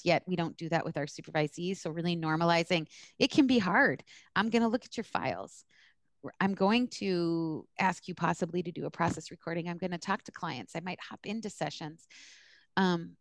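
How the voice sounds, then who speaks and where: A woman from the US East Coast, a social work supervision instructor, answers interview questions bluntly and candidly. Her voice is on the low side, and the recording is dry. She is emphatic and conversational, explaining her work the way an instructor would.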